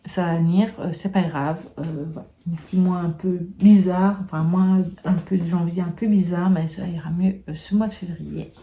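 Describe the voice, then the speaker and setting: A woman with a lowish, mellow voice talks through her month in a relaxed home vlog. She hesitates often, filling gaps and restarting her sentences as she goes. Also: normal speed, few pauses. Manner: hesitant, many fillers and restarts. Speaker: booktube vlogger. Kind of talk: casual monthly wrap-up chat.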